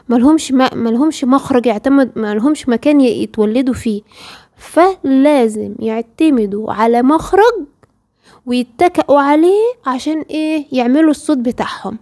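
In this tajweed lesson, a Quran recitation teacher speaking with an Egyptian Arabic accent patiently explains things, asking her female student rhetorical questions along the way. She has a high-pitched, warm voice.

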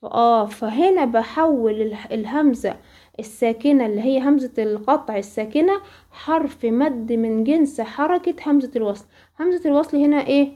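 A woman with an Egyptian accent teaching a Quran recitation lesson, asking questions and then answering them, and slowly reciting the examples. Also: fairly high pitch, warm tone. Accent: Egyptian Arabic. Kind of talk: tajweed lesson.

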